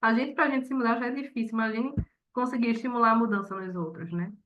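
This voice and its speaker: A woman teacher wraps up an online class, hoarse from a cold, so she keeps her somewhat high voice soft and friendly. The audio sounds muffled and lo-fi. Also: fast talker. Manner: speaking softly, friendly.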